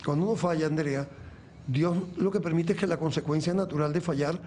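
A man from Venezuela in his sixties speaks as an interview guest, his voice sitting a little high for a man. He talks earnestly about faith, circling back and restarting his phrases often. A faint hiss runs under the recording. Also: a little fast, a little mellow. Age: 60s. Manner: earnest, rambling, many restarts. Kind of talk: reflective faith talk in an interview.

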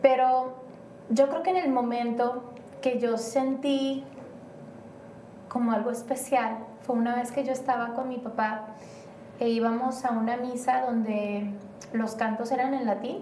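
This guest, a woman from Mexico, chats casually in an interview, wandering and hesitant with plenty of fillers. She speaks unhurriedly in a fairly high, warm voice with fairly even intonation. Faint noise and a roomy, distant quality are present in the audio.

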